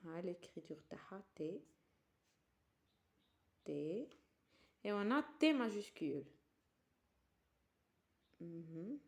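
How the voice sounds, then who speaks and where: A woman with an Algerian accent teaching a slow primary-school French lesson, spelling out letters and words clearly and translating into Arabic. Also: lowish voice, big pitch swings.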